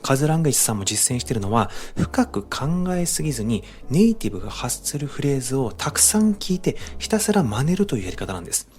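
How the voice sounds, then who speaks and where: Lively fast-talking male narrator. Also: mid-range voice, faint music behind. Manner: upbeat, addresses viewers directly with recommendations. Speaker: book summary narrator. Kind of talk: friendly explanatory narration.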